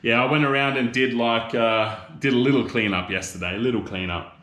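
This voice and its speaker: A man's voice: medium pitch, brisk, fairly bright tone. Laid-back Australian man, roomy echo. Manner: laid-back and rambling, teasing viewers with slang like mate and bro. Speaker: livestream host. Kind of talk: casual live chat with viewers.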